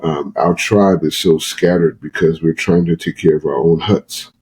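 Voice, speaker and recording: A man's voice: very deep voice, fairly even intonation, moderate pace, a little mellow, slightly rough, rough recording. A man talking earnestly as a guest on a podcast conversation, sometimes acting out quoted voices. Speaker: guest psychologist.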